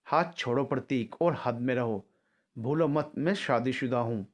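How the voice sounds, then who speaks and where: A man's voice: mid-range voice, unhurried, dull audio, natural voice. A man voicing a defiant married young woman in a storybook love story, snapping back sharply. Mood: firm. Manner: sharp, angry retorts.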